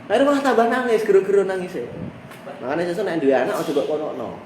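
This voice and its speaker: A man with a Javanese accent teaching a religious text study, reciting Arabic phrases and then explaining them in lively local speech. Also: high voice, rapid-fire. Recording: echoey room, heard from a distance with background noise.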